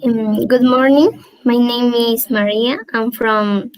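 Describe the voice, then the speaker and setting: A woman's voice: on the high side, steady tone, slow, rough recording. Shy young Guatemalan woman. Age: young adult. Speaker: youth panelist. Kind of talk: webinar panel answer. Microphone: video call.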